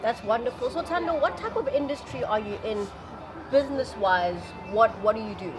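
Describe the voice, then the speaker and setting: Show host: woman, slightly high voice, gushing conversational interviewer, music clearly underneath. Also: lively intonation, moderate pace, a crowd in the background. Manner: effusive, gushing.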